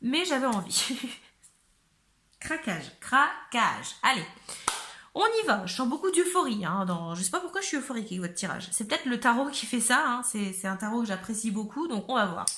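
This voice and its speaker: A hoarse woman from north-eastern France with a north-eastern French accent, giving a chatty, giggly tarot reading to her viewers, often searching for words. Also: on the high side, sing-song, brisk, bright, forceful tone, roomy sound. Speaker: tarot reader. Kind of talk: casual tarot reading to camera.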